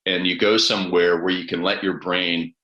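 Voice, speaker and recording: A man's voice: low voice, flat delivery, normal speed, pushed and bright, muffled recording. A man coaching in a conversational way, explaining step by step with acted-out examples, in a roomy, echoing recording. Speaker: coach and author, guest. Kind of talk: conversational advice.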